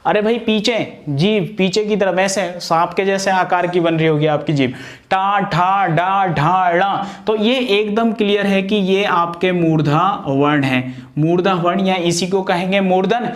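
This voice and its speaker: With a high voice at normal speed, a male teacher runs an exam-prep grammar lesson, answering his own questions and voicing every sound out loud so learners can practice.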